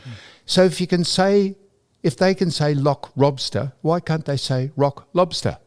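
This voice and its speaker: A man's voice: on the high side, normal speed, darkish tone, smooth. An Australian man co-hosting a podcast in casual chat, telling rambling stories with lots of stammered restarts. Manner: rambling, stammering storyteller who repeats himself. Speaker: podcast co-host.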